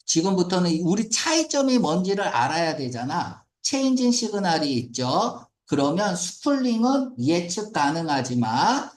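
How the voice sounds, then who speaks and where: A man's voice: high-pitched, very animated, measured pace, few pauses, reverberant. A man teaching an English reading passage as a lecture, questioning the class and mixing English words into his explanations.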